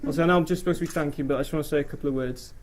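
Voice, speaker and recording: A young man makes an informal groom's speech, halting as he works through his thanks. His voice sits fairly high, and the live recording has noise behind it. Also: steady tone. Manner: hesitant, halting delivery. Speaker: groom giving a wedding speech.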